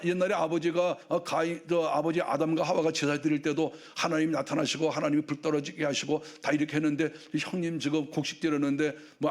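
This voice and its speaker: A preacher voicing mild young Abel. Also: male voice, fairly high pitch. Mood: needling.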